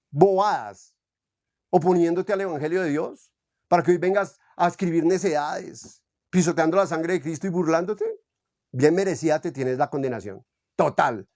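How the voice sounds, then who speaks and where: Impassioned man leading a Bible study sermon, fairly high pitch, dry close recording. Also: a little mellow, no room sound. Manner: fervent, with repeated rhetorical questions.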